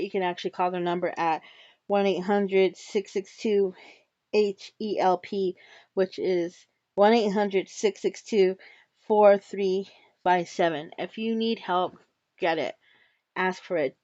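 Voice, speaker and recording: A woman's voice: on the low side, a little mellow, no echo, dull audio. A woman hosting her own channel, talking casually and frankly to her viewers and swearing freely. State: coughing and hiccuping. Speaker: channel host. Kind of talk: casual solo commentary.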